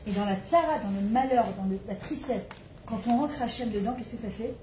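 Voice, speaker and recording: A woman's voice: a little high, fairly quick, warm tone, reverberant, slight background noise, poor audio. A woman giving an impassioned spiritual talk to a gathering of women in a home, asking rhetorical questions as she goes. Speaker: religious women's teacher. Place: private home.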